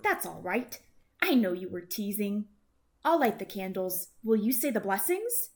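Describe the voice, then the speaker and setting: A woman's voice: mid-range voice, sing-song, a little slow. A woman voicing a kindly, chatty old woman who fusses over her guest in a children's storybook. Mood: gently fussing. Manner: hospitable, fussing, exclaiming. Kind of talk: children's storybook read-aloud.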